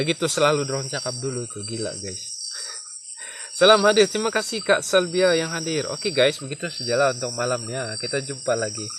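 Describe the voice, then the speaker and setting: Stammering Sabah Malay man, crickets behind. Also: fairly high pitch. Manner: stammers and repeats, chatty and self-mocking. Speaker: livestream host. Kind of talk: casual live-stream chat. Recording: noisy night recording with crickets. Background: crickets and insects chirping.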